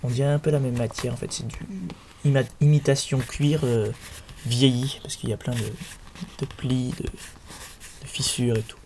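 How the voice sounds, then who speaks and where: A man's voice: mid-range voice, fairly even intonation, moderate pace, darkish tone. A young man chatting casually in a home vlog, showing his collection, full of fillers and restarts. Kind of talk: casual show-and-tell vlog. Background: faint noise and clicks.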